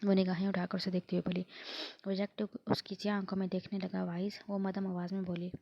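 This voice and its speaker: A woman reading a romance novel aloud as narrator, in flat, even narration. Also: medium pitch, a little fast, vocal fry, no echo. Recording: dull lo-fi recording.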